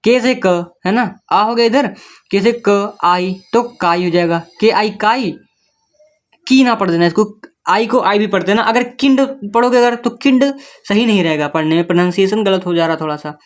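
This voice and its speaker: A man's voice: sits high, normal speed. Patient man spelling words out. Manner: patient, spells words letter by letter, keeps checking in with the listener. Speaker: English reading teacher. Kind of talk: step-by-step spoken lesson.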